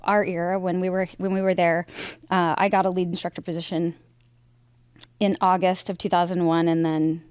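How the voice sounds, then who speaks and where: Here the aircraft sales director, a woman in her forties from Idaho, USA, has a lowish, level voice that's smooth and a little mellow, at a moderate pace in a dry recording. As a guest in a conversational interview, she tells her career story in a chatty, meandering way, often using fillers and restarting sentences.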